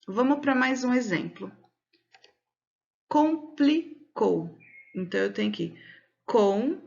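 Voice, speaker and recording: A Brazilian woman, a schoolteacher recording a video lesson for children, speaks at a middle pitch. She explains patiently and step by step, stretching words out slowly so the stressed syllable is clear. The sound is a bit dull, like a simple home recording. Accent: Brazilian Portuguese.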